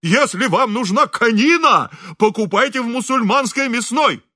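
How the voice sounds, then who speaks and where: A man's voice: very high-pitched, expressive, normal speed, bright, forceful tone, voice pushed up, heavily acted. A man voicing a fussy, indignant male building manager who scolds the tenants.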